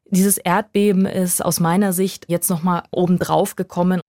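A woman reporter explaining events in a relaxed conversational way, using everyday examples from her own life. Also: lowish voice, moderate pace, no room sound, clean studio sound, soft background music. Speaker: foreign correspondent guest. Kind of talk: conversational podcast interview.

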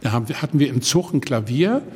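A man around seventy from Germany's Baltic coast, a guest telling lively anecdotes in conversation and acting out the people in them. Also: medium pitch, fast talker, husky, big-room sound. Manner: lively storyteller who acts out the people in his stories. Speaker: guest, organ builder.

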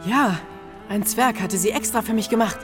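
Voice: medium pitch, moderate pace, over music, lightly acted. An actor in a children's audio drama playing Peter, a decisive, reasoning eldest brother who explains things assertively.

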